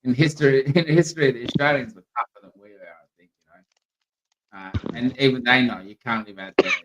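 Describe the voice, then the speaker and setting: Guy hosting a casual livestream, mid-pitched voice, bit of background noise. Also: fairly quick, dull audio. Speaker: livestream channel host. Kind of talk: casual chat.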